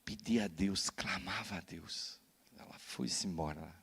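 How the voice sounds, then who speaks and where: A Brazilian man, a pastor, telling a personal story in a sermon, animated and often adding "né?" to his lines. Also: sits low, unhurried, vocal fry, husky. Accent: Brazilian Portuguese. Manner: animated storytelling with frequent "né?" tags. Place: church.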